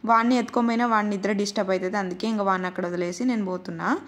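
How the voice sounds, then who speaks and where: A Rayalaseema-accented woman in her thirties tells her viewers about her household's day in an easy, homely way. Her voice sits at an ordinary middle pitch. It sounds like a relaxed, chatty vlog voice-over. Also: very fast. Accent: Rayalaseema Telugu. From Andhra Pradesh, India. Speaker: vlogger and mother. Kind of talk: casual narrated vlog voice-over.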